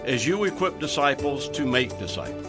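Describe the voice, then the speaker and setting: A man's voice: mid-range voice, very animated, normal speed. Man reading a podcast intro over music. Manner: polished, read-aloud delivery. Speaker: podcast host.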